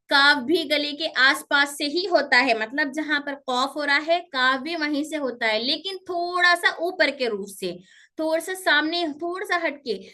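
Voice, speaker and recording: A woman teaching pronunciation to children, explaining slowly and drilling sounds by repeating them, strict when pupils misbehave. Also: sits high, bright, forceful tone. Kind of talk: online Quran pronunciation lesson.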